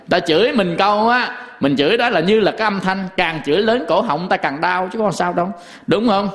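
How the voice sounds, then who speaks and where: A man's voice: high-pitched, a bit bright, big-room sound. A man giving a Buddhist dharma talk in a folksy way, full of rhetorical questions and stories. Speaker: Buddhist monk teacher.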